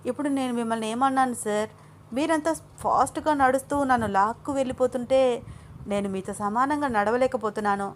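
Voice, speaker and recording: A woman voicing a lively young woman who exclaims and protests in a raised, animated voice. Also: a little high, a little fast, a little hiss or hum, natural voice. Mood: chatty.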